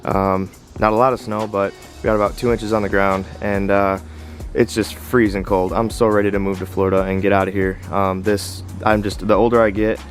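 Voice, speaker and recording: Young man, car vlog host, lowish voice, bit winded, outdoors in the cold, laid-back, lots of ums. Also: fairly quick, soft background music. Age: 20s. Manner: relaxed, filler-heavy, enthusiastic. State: slightly out of breath from cold. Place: outdoors in snow beside a truck.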